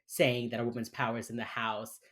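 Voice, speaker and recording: An American woman with a Miami accent, co-hosting a casual podcast chat in an informal, sweary, halting way. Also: extremely low pitch, flat delivery, a bit bright, slightly rough. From United States. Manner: informal, sweary, halting with many filler phrases. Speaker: podcast co-host.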